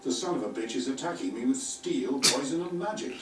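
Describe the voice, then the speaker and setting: The voice of a coarse, domineering middle-aged king, played by an actor in a game cutscene, is medium-pitched, animated, fairly quick and close to everyday speech. He gives orders brusquely, and the audio is echoey and distant, with music.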